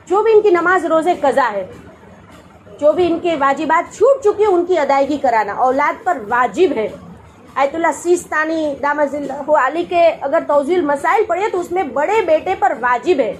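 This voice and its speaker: A woman's voice: high voice, a little hiss or hum, rough recording. A woman preaching at a women's religious gathering, earnest and exhorting, telling a moral story to make her point. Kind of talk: sermon.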